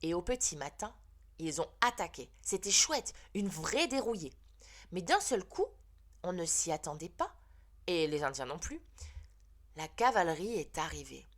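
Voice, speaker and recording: A woman reading a children's book aloud in an expressive storytelling manner. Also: deep voice. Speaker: reader.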